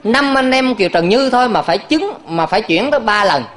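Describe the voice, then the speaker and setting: Playful high-voiced monk giving a sermon. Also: male voice, animated, brisk, fairly bright tone. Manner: playful, laughing, addresses audience with questions. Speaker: Buddhist monk teacher. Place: temple hall with audience.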